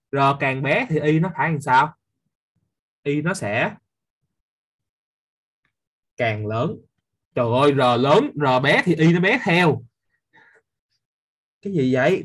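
Husky, lively teacher. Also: male voice, a little high. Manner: lively, quizzing students by name, teasing. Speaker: physics teacher. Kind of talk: live online class quiz review.

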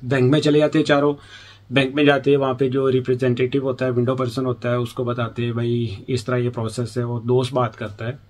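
A man's voice: medium pitch, level tone, fast talker, darkish tone. A man from Pakistan, an international student in the UK, giving chatty advice in a casual vlog and acting out little exchanges as he talks. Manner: chatty, acts out quoted exchanges.

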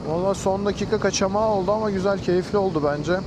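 A man's voice: sits high, fast talker. A man chatting casually as he presents a travel vlog outdoors. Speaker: vlogger. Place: outdoors at a busy valley picnic spot. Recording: loud outdoor nature and vehicle noise.

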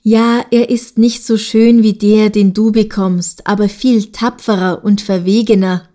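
A woman's voice: medium pitch, little pitch movement, a little slow, mellow, lightly acted. Woman reading mean goose sister, braggy n spiteful. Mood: scheming.

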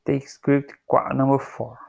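Brazilian male English teacher, patient, clear explainer, medium pitch. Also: flat delivery, darkish tone. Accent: Brazilian Portuguese. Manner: patient, explanatory, repeats checks with students; slows down to model English phrases. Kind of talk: recorded online lesson.

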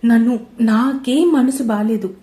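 A woman's voice: a little high, slow pace, dark tone. Woman reading as a hurt, sulky young woman. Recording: roomy echo.

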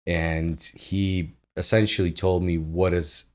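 Low-voiced Ukrainian-born man, relaxed guest. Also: slow pace. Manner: easygoing, laughs often, loose phrasing. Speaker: guest, agency founder. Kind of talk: casual interview. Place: home living room. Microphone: studio mic on boom arm.

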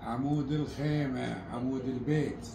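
A man's voice: medium pitch, steady tone, moderate pace, creaky, crowd noise. An older man with a Kuwaiti accent, chatting casually as he explains old dialect words and sayings. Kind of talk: casual chat. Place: furnished sitting room, indoors.

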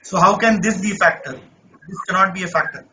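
Here the math teacher moves briskly through his live online lesson, his high voice sharply bright yet a little off; he mentions having lost his voice. Coaxing throughout, he repeatedly checks in with students, asking "right?". The sound is dull and lo-fi, faint noise in the background.

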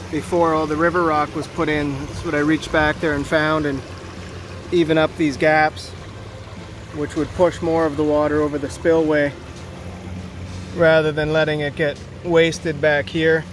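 Man pointing out leaks outdoors, monotone. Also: fairly high pitch, measured pace, noisy background. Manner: plain, practical, thinking aloud as he points things out. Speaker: water feature installer. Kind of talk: walkthrough narration while inspecting. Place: outdoors by a backyard stream. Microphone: handheld phone camera.

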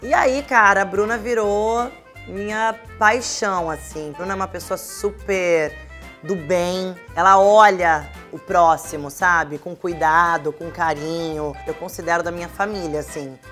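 A woman's voice: on the low side, steady tone, unhurried, a bit bright, soft background music. Chatty woman telling stories to camera. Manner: chatty, acts out quoted dialogue. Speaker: vlogger. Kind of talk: casual storytelling to camera.

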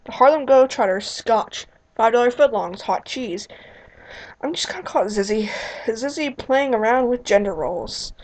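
Young woman, let's play commentary, unhurried, mid-pitched, rambling asides. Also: a little mellow, poor audio. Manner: rambling, exclaiming, muttered asides. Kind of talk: casual gameplay commentary.

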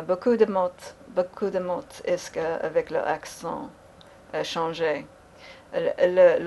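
A woman practicing French in a halting monologue. She hesitates a lot, fills pauses with long sounds and slips into English. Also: fairly low pitch, vocal fry, darkish tone, slight background noise. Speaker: French learner. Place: home in Dallas, Texas.

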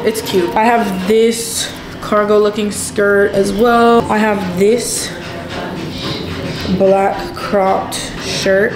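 A woman vlogging in casual chat while getting ready at a house, upbeat and relaxed, using casual slang. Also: medium pitch. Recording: roomy echo.

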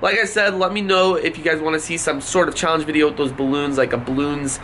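A young American man vlogs casually from inside a family house, holding the camera at arm's length. His voice is fairly high, steady and slightly bright, and he talks fast in a youthful, slangy way. Background noise is clearly audible on the handheld recording.

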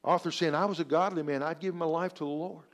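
A preacher delivers his sermon in an earnest, storytelling manner. He weaves scripture and personal stories together. His voice sits a little high for a man. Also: steady tone, fast.

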